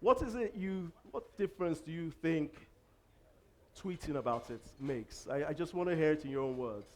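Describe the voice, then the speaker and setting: A man hosts an onstage interview. His voice is a little high for a man, and he speaks informally, in halting phrases that he often reworks. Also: expressive. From Lagos, Nigeria. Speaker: interviewer, event moderator.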